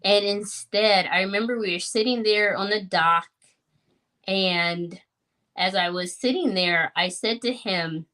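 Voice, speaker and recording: A woman's voice: medium pitch, measured pace, bright, forceful tone. A woman in her thirties sharing her personal story in a podcast conversation, reflective and earnest, with many fillers.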